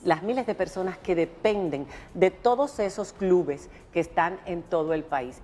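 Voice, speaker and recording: A woman with a Dominican accent hosts a news talk show. She comments in an emphatic, insistent way at a middling pitch. The sound carries a noticeable reverberant tail. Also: a little hiss or hum.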